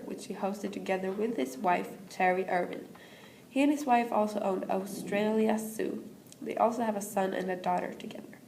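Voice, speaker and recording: A teenage girl with a Swedish accent reads her school presentation steadily, with a gravelly edge to her voice. The room echoes around her, and a faint hiss runs underneath. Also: mid-range voice, darkish tone. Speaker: student presenter. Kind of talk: school presentation read aloud.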